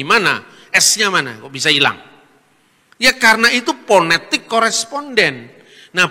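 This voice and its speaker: Sharp-voiced man lecturing in a hall. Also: on the high side. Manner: teacherly, asks himself questions and spells out letters. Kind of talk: explanatory lecture.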